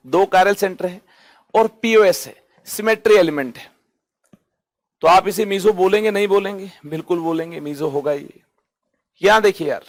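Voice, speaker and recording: A male chemistry teacher with a fairly high voice, lecturing to an online class. He keeps asking questions and answering them himself, and he swings up and down to stress each point. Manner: rhetorical questions answered himself, lively rises and drops; drawn-out emphasis on key terms.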